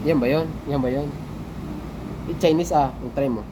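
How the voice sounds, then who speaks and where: A man with a Filipino accent and a mid-range voice hosts a hands-on tutorial at normal speed, chatting casually and informally with viewers as if they were buddies. Noisy vehicle and street sounds fill the background of the recording.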